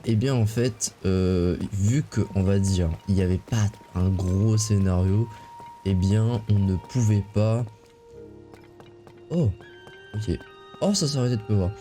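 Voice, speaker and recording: A man's voice: on the low side, mellow. A man casually commentating a video game as he plays and reading the on-screen dialogue aloud. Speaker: gamer. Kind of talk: let's play commentary.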